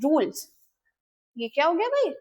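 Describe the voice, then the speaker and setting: High-voiced woman teaching grammar. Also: sing-song, measured pace, a little mellow. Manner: asks questions and answers them herself. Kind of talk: exam-prep grammar lesson.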